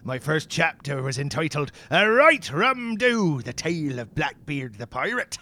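A swaggering, foul-mouthed pirate captain, played by a man for a comedy skit. He blusters in thick pirate slang and flings insults in a high, bright, forceful voice. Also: sing-song, a little slow, full character voice. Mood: blustering. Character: boastful crude male pirate captain, brash and insulting.

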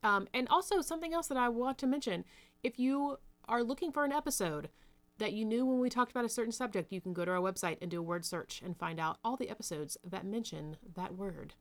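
A woman's voice: fairly high pitch, lively intonation, fast talker. A woman co-hosting a casual podcast, rambling cheerfully through the show's sign-off plugs. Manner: chatty, upbeat, rambling outro plugs. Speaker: podcast co-host.

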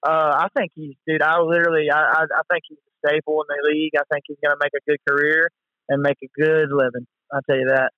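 Higher-voiced bro-ish guy, dull recording. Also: level tone, fast, no room sound. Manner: bro-ish slang, enthusiastic, repeats himself. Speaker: co-host of a sports talk show. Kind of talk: casual sports chat.

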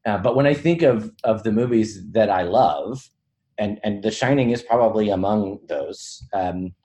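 A man's voice: fairly low pitch, moderate pace, dark tone. A middle-aged man who teaches film, talking through ideas in a casual podcast chat, reflective and self-deprecating, often hedging his points.

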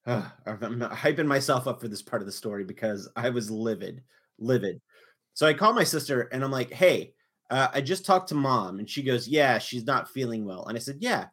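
A man hosting a podcast, telling a story with animated, exasperated retelling in casual chat. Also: medium pitch. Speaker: podcast host.

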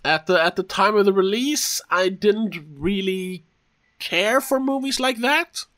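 A man's voice: high voice, a bit bright. A wheezy, congested man hosting a podcast. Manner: halting, repeats words and trails into asides. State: congested with a cold, slightly wheezy. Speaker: podcast co-host. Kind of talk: casual conversational podcast talk.

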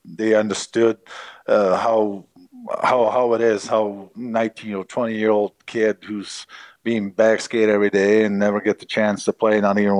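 A middle-aged man with a Czech accent, answering interview questions in a halting way with many fillers. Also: lowish voice, no echo. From Czech Republic. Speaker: former hockey player, guest.

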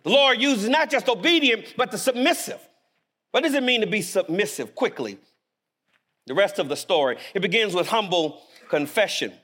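A man preaching a sermon in a chapel, animated and emphatic, dropping suddenly to quiet words. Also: high voice, normal speed.

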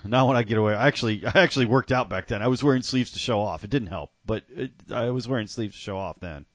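A man's voice: on the low side, fast talker, no echo. A middle-aged man hosting a casual podcast chat, teasing the others and laughing often. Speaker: podcast host.

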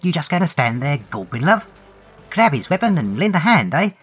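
A man's voice: on the high side, very animated, a little fast, fairly bright tone, breathy edge, faint music behind, voice pushed up, heavily acted. A man voicing a brash, playful horned warrior woman who trades breezy, teasing banter. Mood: cheeky. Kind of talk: solo tabletop role-play.

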